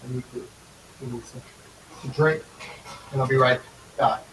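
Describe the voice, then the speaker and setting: A man co-hosting a casual podcast, talking slowly and loosely, with sudden jumps in pitch and loudness on stressed words. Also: steady tone, slight background noise. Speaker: podcast co-host. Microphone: headphones and a distant mic, hearing himself back. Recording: echoey room, voice far from the mic.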